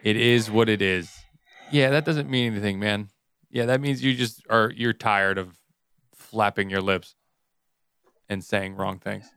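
Bright, clear-voiced joking man. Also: fairly low pitch, measured pace, long pauses, dry recording, studio quality. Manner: joking, laughs often. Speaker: podcast co-host. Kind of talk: casual chat.

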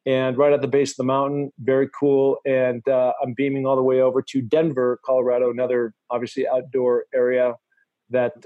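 A man's voice: mid-range voice, completely flat delivery, a little fast, dry recording, narrow, tinny audio. Upbeat male podcast host, dry sound. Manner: upbeat, enthusiastic, frequent restarts. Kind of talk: casual podcast talk. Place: home studio.

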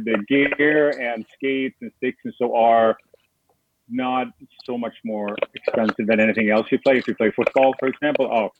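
A middle-aged man from Sweden, chatting as a guest in an interview and rambling with many fillers and restarts. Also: fairly low pitch. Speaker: guest, foundation founder. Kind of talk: casual interview over a call. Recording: tinny phone-like line with noise.

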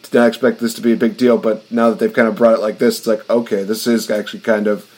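A man's voice: lowish voice, level tone, fast talker, darkish tone. Rambling man hosting a podcast. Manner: rambling, with many fillers. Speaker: podcast host. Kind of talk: casual podcast chat.

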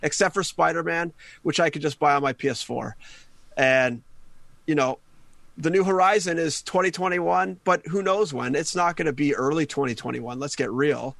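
Gravelly man giving opinions on a podcast. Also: on the high side, steady tone, moderate pace, fairly bright tone, dry recording. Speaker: podcast co-host. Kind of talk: casual chat.

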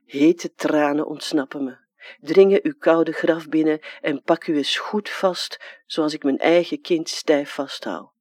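A reader with a Flemish accent giving a slow, solemn dramatic literary reading. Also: mid-range voice, fairly even intonation, a little mellow, husky, dry recording, clean studio sound.

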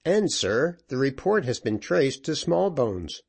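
A man's voice: mid-range voice, big pitch swings, a little slow, creaky, husky, voice pushed up, exaggerated voice. A man voicing an eager, dutiful marine corporal who reports in a formal, deferential way.

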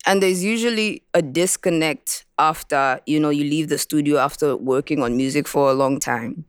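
A woman recording artist from Botswana, telling in an interview, in a reflective and animated way, how she wrote a song. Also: low voice, moderate pace, clean tone, no room sound, studio quality. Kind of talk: interview about making a song.

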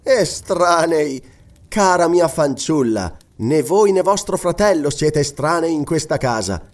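A man voicing a gentle noble lady who speaks in a calm, measured, reassuring way, in an audiobook. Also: a little high, pitched above the performer's own voice. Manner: measured, soothing. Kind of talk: audiobook reading.

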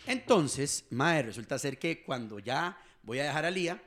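A man with a Costa Rican accent co-hosting a casual talk show, telling animated stories and acting out quoted dialogue. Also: fairly high pitch, normal speed. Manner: animated storyteller who acts out quoted dialogue. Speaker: co-host. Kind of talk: casual chat, storytelling.

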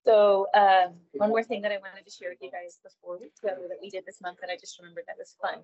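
A woman chats upbeat on a podcast, cheerfully calling herself a nerd. Her voice is mid-pitched and a little husky. The sound is dull and lo-fi. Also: fairly even intonation, quick pace, a little mellow. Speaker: podcast co-host. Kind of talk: casual chat.

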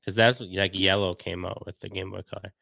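Casual podcast co-host, young man, low-pitched, easygoing storyteller, dry studio sound. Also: fairly even intonation, brisk, vocal fry, bright, forceful tone, no room sound. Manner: laid-back storytelling, laughs often. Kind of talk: casual chat.

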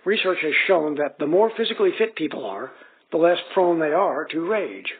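A man reading magazine articles aloud in a steady, even scripted narration. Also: fairly high pitch, normal speed, breathy edge. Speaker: article reader. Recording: tinny phone-like sound.

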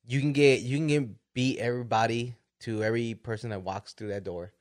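A man's voice: medium pitch, steady tone, fairly quick, darkish tone. A man co-hosting a podcast, chatting casually and laughing at his own jokes. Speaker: podcast co-host. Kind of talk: casual banter.

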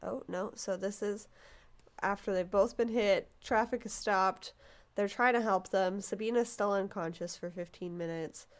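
Brief: woman podcast co-host, mid-pitch, casual and animated storytelling, stumbles and restarts. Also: normal speed. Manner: animated, stumbling, acts out quoted voices.

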